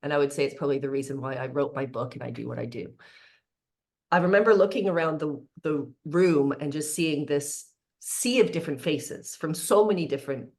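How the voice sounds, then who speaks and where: Low-voiced woman, chatty. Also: a little mellow. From Canada (born in South Africa). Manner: chatty and earnest, with frequent "like" and "um" asides. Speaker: leadership speaker. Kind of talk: informal talk to a group.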